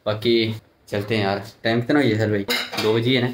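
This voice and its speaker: A man's voice: fairly low pitch, steady tone, a little fast. A young man vlogging casually, chatting and joking with friends while out on the street and at a stadium. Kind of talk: casual vlog chat. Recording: outdoor crowd and traffic noise.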